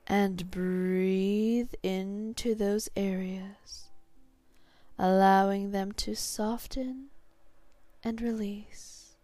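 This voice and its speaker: A woman guiding a hypnosis meditation in a calm, soothing, meditative tone, soft and breathy, sinking toward a whisper at phrase ends. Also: medium pitch, very slow, no room sound, soft background music. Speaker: hypnotherapy guide.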